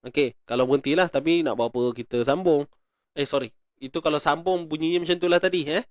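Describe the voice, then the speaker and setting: A man with a Malaysian Malay accent teaching Quran recitation rules, explaining patiently, repeating words slowly and chanting verses. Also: a little high, no echo, clean studio sound. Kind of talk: tajwid lesson, explaining and reciting.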